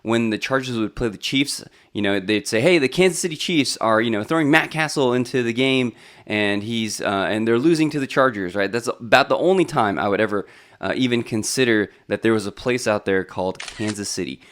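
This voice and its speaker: This YouTube host from Los Angeles, California, is a man in his thirties talking casually to his vlog camera about his own life. His mid-range voice is brisk and fairly bright, and his chatty delivery is full of fillers and restarts.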